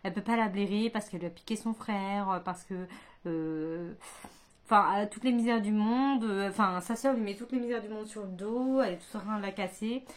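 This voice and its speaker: A woman's voice: mid-range voice, a little fast. A woman chatting casually in a book vlog, hesitant and thinking aloud, full of fillers and restarts. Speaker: book vlogger. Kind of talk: casual chat.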